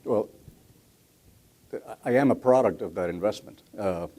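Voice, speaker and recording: A middle-aged or older man with a Cuban accent, answering interview questions before an audience in a halting way, repeating words as he goes. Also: lowish voice, warm tone. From Cuba. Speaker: business leader, guest speaker. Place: on stage at a luncheon event.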